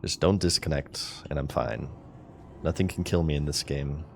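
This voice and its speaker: A man's voice: rumbling low, steady tone, normal speed, vocal fry, a little hiss or hum. A man casually commenting on his gameplay as a streamer, chatting with viewers as he plays. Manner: chatty, talks to chat while playing. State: hiccuping.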